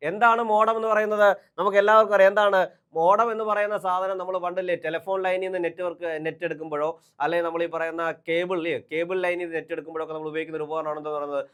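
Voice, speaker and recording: Man, exam coaching teacher, rapid-fire delivery, slightly high voice, asks and answers his own questions. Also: level tone, fairly bright tone, smooth. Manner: repeats key terms over and over. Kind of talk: online exam-prep lesson.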